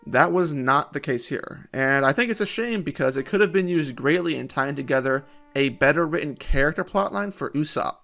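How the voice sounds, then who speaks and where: A man reading scripted video-essay narration in a measured, critical manner. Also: fairly high pitch, expressive, vocal fry, sharp tone.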